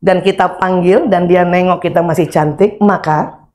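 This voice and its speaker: A middle-aged woman giving a religious lecture on parenting and marriage, animated and humorous, acting out everyday examples. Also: on the low side, moderate pace.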